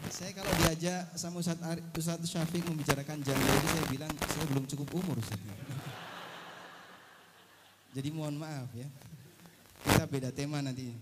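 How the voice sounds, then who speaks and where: A man's voice: fairly high pitch, steady tone, moderate pace. A man speaking as an ustadz on a panel, answering in a playful, teasing way. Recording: heavy noise over the voice.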